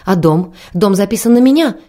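A woman voicing a spoiled young wife who is shrill, demanding and tearful. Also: a little fast, warm tone, lightly acted. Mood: shrill, indignant. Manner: shrill, indignant, tearful pleading.

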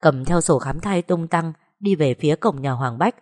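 A woman narrating a drama story in a steady, even way. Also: low-pitched, normal speed.

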